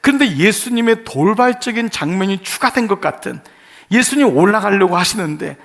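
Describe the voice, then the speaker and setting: A man's voice: high-pitched, expressive, a little fast, vocal fry, a bit bright. A male pastor giving an earnest sermon in short phrases, putting rhetorical questions to his congregation. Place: church sanctuary.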